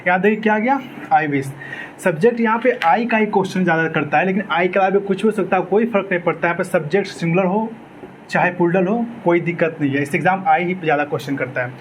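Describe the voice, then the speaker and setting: A man's voice: high voice, fast talker, slight background noise, low-quality recording. A man teaching an exam-prep English grammar lecture, asking his own questions and answering them, repeating key words.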